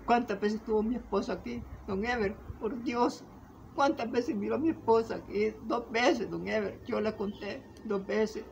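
A man's voice: high voice, normal speed, creaky, a little hiss or hum, poor audio. A Honduran man, a father speaking emotionally in a conversation, pleading and repeating himself. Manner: pleading, repetitive, keeps addressing the listener by name. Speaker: interviewee, father.

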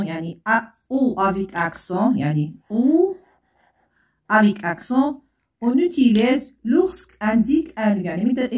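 A woman teaching French grammar in a bilingual lesson, speaking slowly and repeating words and spelled letters aloud. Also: medium pitch, a little mellow, reverberant, far from the mic.

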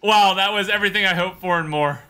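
A man's voice: sits high, quick pace, pushed and bright. A man streaming, reacting to videos with amused exclamations and laughter. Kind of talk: live-stream reaction commentary.

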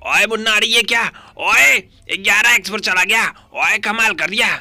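A man voicing a loud, bossy cartoon cat who starts his lines with exclamations, in a fan-dubbed game video. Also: sits high, moderate pace, no echo, full character voice. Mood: excited.

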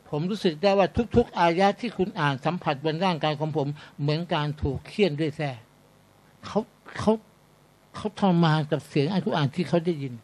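Animated, high-voiced male preacher. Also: brisk. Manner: animated, addresses the audience as brothers and sisters. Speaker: Islamic preacher. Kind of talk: storytelling sermon. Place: garage meeting room.

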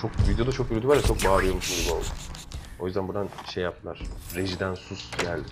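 A man's voice: low voice, rapid-fire, very noisy. A man hosting a gaming channel, giving rambling, self-joking commentary while he plays. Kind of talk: casual let's-play commentary. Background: game audio and music.

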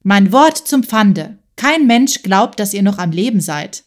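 A woman voicing a clever, eager boy detective in a children's audiobook, talking in a quick, scheming way. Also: mid-range voice, lively intonation, natural voice. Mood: reassuring.

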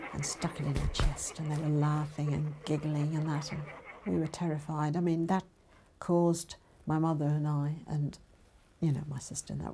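An older woman speaks earnestly of her past in a low, flat, gravelly voice. Her tone is dark and mellow, with faint room noise around her. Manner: plain, earnest recollection. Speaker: interviewee recalling wartime occupation. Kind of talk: reminiscing testimony.

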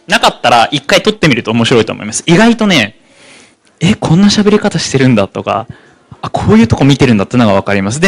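A man giving a psychology seminar talk, speaking rapidly and slowing down for key points. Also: medium pitch. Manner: rapid, animated delivery that slows for key points. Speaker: lecturer on psychology.

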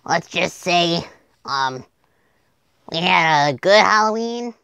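A woman voicing a sceptical, grumbling rabbit plush toy with a creaky voice in an amateur puppet show. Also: on the low side, lively intonation, slow pace, fairly bright tone, no room sound, studio quality, full character voice.

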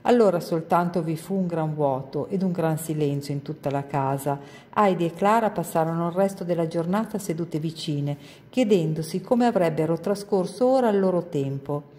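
A woman reading a children's novel aloud at a library in a calm, measured way. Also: deep voice. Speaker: reader at a library.

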